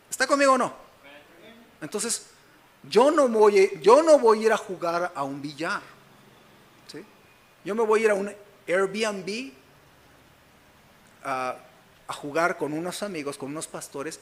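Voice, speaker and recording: High-voiced Mexican pastor preaching. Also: male voice. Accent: Mexican Spanish. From Mexico City. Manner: keeps asking the congregation whether they follow him. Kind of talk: sermon.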